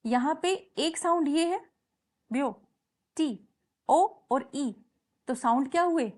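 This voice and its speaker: A woman's voice: sits high, unhurried, darkish tone. A woman teaching an English lesson, switching between Hindi and English and patiently repeating example words. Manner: mixes Hindi and English, checks understanding with repeated questions. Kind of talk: classroom lesson explanation.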